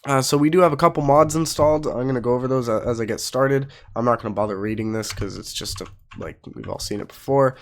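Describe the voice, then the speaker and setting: With a mid-range voice, a gaming channel host who's still shaking off a cold rambles through casual let's play commentary, explaining things informally as he goes.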